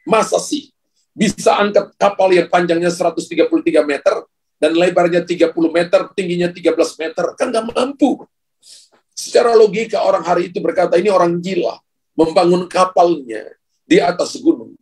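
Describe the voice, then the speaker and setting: A man's voice: high voice, fairly quick, darkish tone, husky. A male pastor preaching a sermon, speaking emphatically and addressing the congregation directly.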